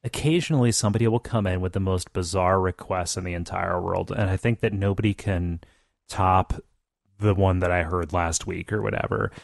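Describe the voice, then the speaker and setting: A man's voice: low-pitched, fairly even intonation, moderate pace, vocal fry, no room sound, clean studio sound. A man hosting a casual podcast chat, rambling and joking with many restarts. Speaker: podcast host.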